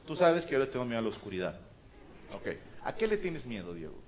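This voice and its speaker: A man's voice: medium pitch, very animated, quick pace. A man with a Mexican accent doing crude, teasing crowd work as a stand-up comedian in a theater. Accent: Mexican Spanish. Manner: teasing, crude banter with the audience. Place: large theater with live audience. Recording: live show with loud crowd and noise.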